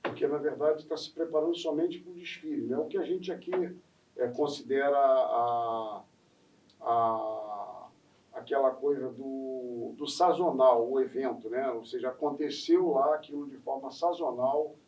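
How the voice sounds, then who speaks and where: A Brazilian man from the Rio area hosts a casual podcast interview, hesitant and rambling, full of fillers. His voice is mid-pitched. It sounds set back from the mic and slightly muffled. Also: unhurried, a little mellow, far from the mic. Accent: Brazilian Portuguese, Rio de Janeiro state. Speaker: podcast host.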